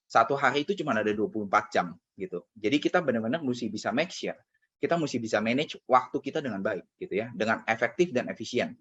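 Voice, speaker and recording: A husky, somewhat bright voice of medium pitch, expressive and quick, belongs to a man giving colleagues a casual motivational talk. He tells a personal story loaded with fillers, and the audio is dull lo-fi.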